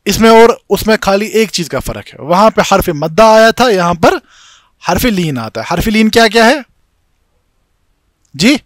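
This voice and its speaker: High-voiced Kashmiri man teaching tajweed. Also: very animated, no room sound, studio quality. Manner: explains step by step, keeps checking if students follow; chants Arabic examples slowly and drawn out. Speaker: tajweed instructor. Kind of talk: classroom lecture with slides.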